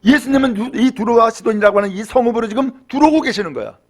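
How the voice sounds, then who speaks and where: A male pastor preaching a Sunday sermon in church, moving between hushed storytelling and raised, fervent exhortation, with rhetorical questions to the congregation. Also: extremely high pitch, fast. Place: church during Sunday service.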